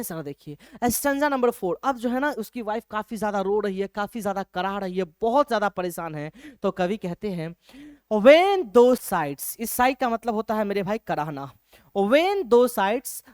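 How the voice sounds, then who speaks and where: A man teaching a lecture in a lively way, checking often that students follow and reading verse lines slowly. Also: high-pitched, dry recording, studio quality. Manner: lively, keeps asking if things are clear; reads English verse slowly. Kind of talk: classroom-style lecture.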